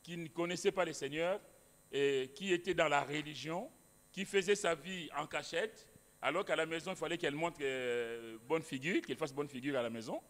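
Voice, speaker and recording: A man's voice: fairly high pitch, normal speed, a bit bright. A male pastor preaching a sermon in a church, emphatic, repeating phrases with many restarts. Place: church hall. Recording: long hall reverb.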